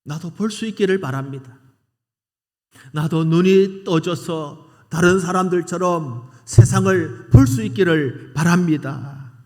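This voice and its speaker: A man voicing a blind male beggar who pleads loudly for mercy, in a sermon. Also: mid-range voice, very animated, measured pace, pauses often, big-room sound. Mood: pleading. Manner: loud pleading cries.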